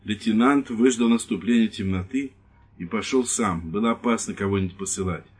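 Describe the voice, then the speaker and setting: A man reading an audiobook chapter in measured scripted narration. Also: on the low side, breathy edge.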